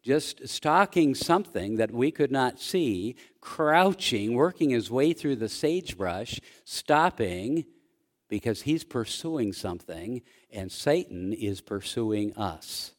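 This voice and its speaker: A middle-aged man preaching a sermon as pastor, telling homely stories slowly with frequent fillers. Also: mid-range voice, lively intonation. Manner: slow, folksy storytelling with frequent fillers.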